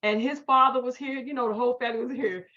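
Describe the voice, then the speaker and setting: A middle-aged woman, telling an animated, emphatic story to a group. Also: on the high side, quick pace, over a noisy crowd. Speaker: speaker. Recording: dull lo-fi audio.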